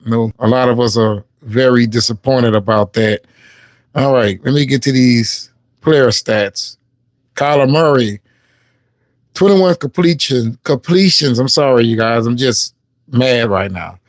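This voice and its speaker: A man's voice: mid-range voice, unhurried, no room sound. A man hosting a casual sports live stream. He reads game stats aloud and chats with viewers. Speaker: sports livestream host.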